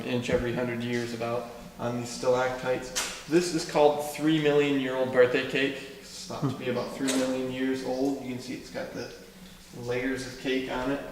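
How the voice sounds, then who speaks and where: A man gives an informal guided tour, explaining each feature in an even, little-varying voice. Heavy cave echo surrounds him, and he is picked up from well away from the microphone. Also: medium pitch. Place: inside a cave. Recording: echoing cave, distant mic, clear noise.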